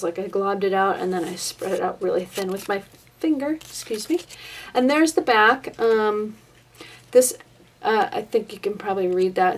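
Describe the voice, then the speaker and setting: A woman's voice: mid-range voice, recorded from a distance. A woman casually showing her handmade paper crafts to viewers, chatting loosely with frequent ums. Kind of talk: casual craft show-and-tell. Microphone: camera pointed at her hands, away from her face.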